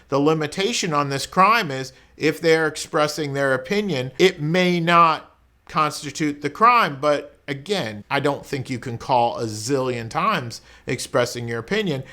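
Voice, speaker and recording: This man's fairly high voice sounds pushed and bright as he explains the law to camera as a criminal defense lawyer. He keeps the talk informal and conversational, frequently posing rhetorical questions.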